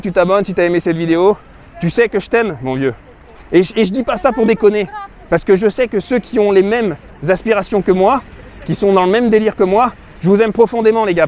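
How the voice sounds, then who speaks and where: Fast-talking crude French vlogger man. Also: high-pitched, darkish tone. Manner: rambling, vulgar, mock-insulting, matey. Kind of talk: crude joking monologue to camera.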